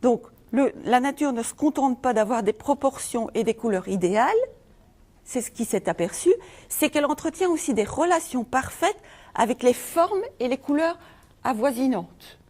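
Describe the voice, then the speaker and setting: A woman's voice: high-pitched, lively intonation, normal speed, a little mellow. A middle-aged Belgian woman giving a conference talk on feng shui, asking the audience rhetorical questions. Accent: Belgian French.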